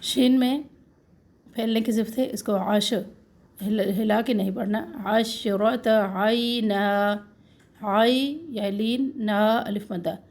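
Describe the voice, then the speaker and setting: A woman with a Pakistani Urdu accent leads a recitation lesson in a mellow, fairly high voice. She lingers slowly over each word, then patiently explains and corrects how it should be read. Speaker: Quran recitation teacher. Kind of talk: Quran recitation lesson, slow drawn-out recitation with quick explanations.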